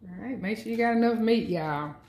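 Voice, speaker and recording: A woman's voice: mid-range voice, brisk, a little mellow. A woman chatting casually to viewers while she cooks in her home kitchen, filming on a phone in one hand. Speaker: cooking vlogger. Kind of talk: casual cooking chat. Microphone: phone camera held in one hand. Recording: noisy home kitchen, pan sizzling.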